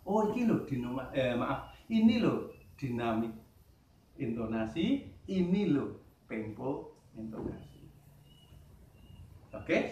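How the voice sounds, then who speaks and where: A man teaching a class, talking slowly, stressing key words and asking the class questions. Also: fairly high pitch. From Central Java, Indonesia. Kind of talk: classroom lesson. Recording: roomy echo, voice from a distance.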